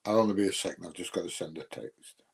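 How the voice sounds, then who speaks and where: A deep, gravelly, slightly rough male voice that moves fast. The speaker is a livestream host from Nottinghamshire, England, whose accent sounds close to Yorkshire, and he fields live comments in blunt, colloquial chat with a dry, grumbling edge.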